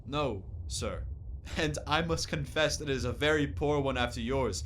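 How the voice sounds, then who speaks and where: A man's voice: mid-range voice, normal speed, a bit bright, close to an everyday voice. Man playing courteous professor, slightly noisy recording. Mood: impressed. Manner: formal, courteous. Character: polite, learned male professor, astonished guest. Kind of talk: stage radio play acting.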